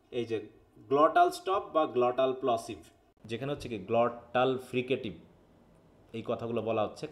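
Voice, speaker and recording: Bengali guy teaching phonetics live, keeps asking students "right?", reads english bits slow. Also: mid-range voice. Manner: explains step by step, often checks with students; reads English text aloud slowly. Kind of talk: live online class lecture.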